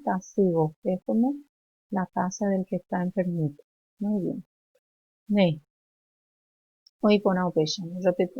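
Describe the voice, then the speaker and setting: A woman teaching young children, slowly saying words and phrases for them to repeat back. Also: medium pitch, no room sound, dull audio. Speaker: preschool teacher. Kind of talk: remote language lesson for young children.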